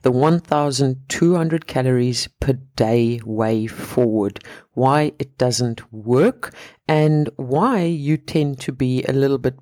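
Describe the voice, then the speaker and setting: A man's voice: medium pitch, takes it slowly, a little mellow, no room sound, studio quality. A man hosting a solo podcast as a fat loss coach, talking in a blunt, casual, sarcastic way and swearing freely.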